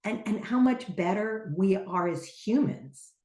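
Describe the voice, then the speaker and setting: An older woman talking earnestly and reflectively as a podcast guest, stressing her points with lively emphasis. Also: medium pitch, unhurried, echoey room. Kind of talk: casual conversation.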